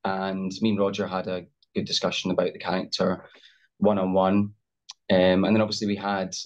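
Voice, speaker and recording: A young Scottish actor guests on a video call for a casual interview, his low-pitched voice monotone and a little fast. He speaks hesitantly, with many fillers and restarts. The video call audio is dull and lo-fi.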